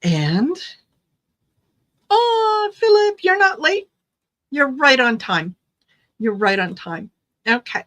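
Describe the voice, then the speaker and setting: A woman's voice: high-pitched, sing-song, slow pace, long pauses, fairly bright tone. A middle-aged woman from Croatia, raised in Canada, hosting a tarot livestream and chatting casually with viewers, hesitant, with many ums and easy laughs. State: recovering from low blood sugar, tired. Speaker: tarot reader and livestream host.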